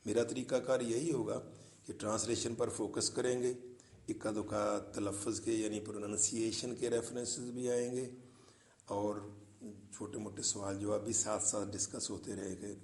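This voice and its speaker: A man's voice: on the low side, little pitch movement, a little mellow, reverberant. A man teaching English, retelling a story, then reading English lines aloud and translating them for his students, with notes on pronunciation. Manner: explains pronunciation and word meanings to students.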